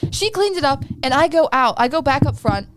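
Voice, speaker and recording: A woman in her twenties, a podcast co-host, telling a story in casual chat, rambling and animated with lots of "like". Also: high voice, a little fast, background noise. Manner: animated, rambling, heavy use of "like".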